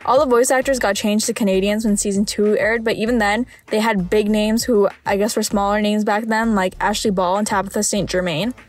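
A woman's voice: medium pitch, fairly even intonation, brisk, few pauses. A woman narrating scripted video commentary with dry, wry humour.

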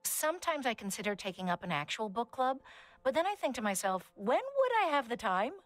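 A woman's voice: fairly high pitch, big pitch swings, brisk, no echo, faint music behind. An actress voicing a chatty, wry young village woman in a video game.

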